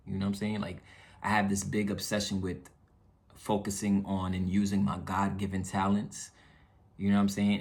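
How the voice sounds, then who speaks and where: A man venting casually to his viewers in an earnest, slangy way, repeating phrases for emphasis. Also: fairly low pitch. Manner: candid, slangy, frequent check-in tags. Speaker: YouTube vlogger.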